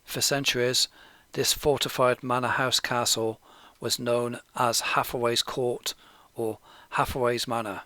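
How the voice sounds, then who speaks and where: A man from Gloucestershire, England, giving scripted documentary narration in a steady, measured, informative way. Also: mid-range voice, no room sound.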